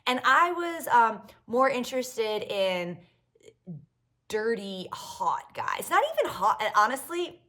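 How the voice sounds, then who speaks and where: A woman's voice: medium pitch, fairly bright tone. A woman podcast host telling stories in a casual monologue, profane and self-mocking.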